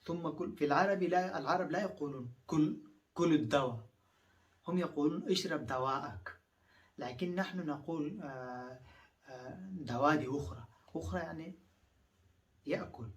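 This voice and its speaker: A man's voice: fairly high pitch, highs cut off. Man teaching phrases from a distance. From Afghanistan. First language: Pashto. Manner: repeats each phrase slowly, explains with frequent hesitant fillers. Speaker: language teacher. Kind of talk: phrase-by-phrase language lesson.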